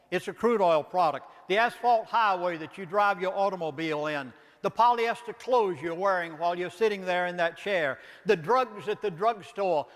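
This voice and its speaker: A man's voice: high voice, fairly bright tone, in a large hall. An older man with a Southern accent, a pastor giving an impassioned lecture, emphatic and pleading, asking rhetorical questions.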